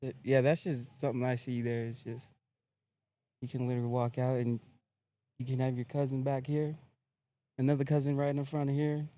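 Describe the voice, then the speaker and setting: A young man from American Samoa, a podcast guest telling his story in a relaxed, laid-back casual chat. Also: medium pitch, fairly quick, pauses often.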